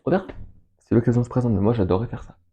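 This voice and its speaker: A young man chatting casually as host, answering questions in an enthusiastic, rambling way and listing names between pauses. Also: medium pitch, mellow, husky, muffled recording. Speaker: fan video host answering viewer questions. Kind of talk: casual chat.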